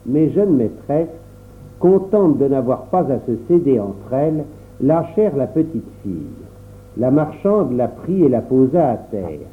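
A man narrates a children's story in a measured, storytelling way. His pitch is animated and varied. The sound is thin and phone-like. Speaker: audiobook narrator. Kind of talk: reading a children's novel aloud.

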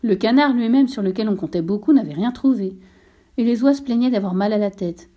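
A woman narrating a children's storybook in a steady, clear reading voice. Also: a little high, a little fast.

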